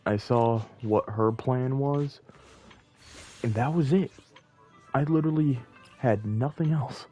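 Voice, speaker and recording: A man with a dark, mid-range voice chats slowly and casually on a game livestream while playing, rambling and thinking aloud as game music plays behind him.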